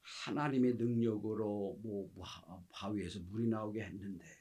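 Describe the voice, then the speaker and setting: A middle-aged male pastor preaching a sermon with passion, acting out quoted speech and swinging between loud exclamations and near-whispers. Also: lowish voice, steady tone, moderate pace.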